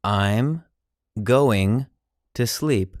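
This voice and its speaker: An English teacher speaking phrases slowly in chunks and repeating each one. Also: mid-range voice, darkish tone, dry recording, clean studio sound. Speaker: language teacher. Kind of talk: slow drill of English phrases.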